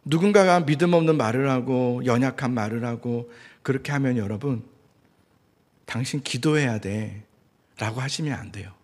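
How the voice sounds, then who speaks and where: Male pastor, husky and lively, preaching in a church with a long hall echo. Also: medium pitch, normal speed. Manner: animated, acts out quoted speech. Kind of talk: sermon. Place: church sanctuary.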